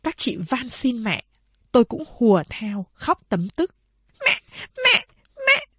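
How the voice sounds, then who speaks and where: Audiobook narrator, woman; husky, a bit high, measured storytelling. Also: lively intonation, dry recording, clean studio sound. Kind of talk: scripted novel narration.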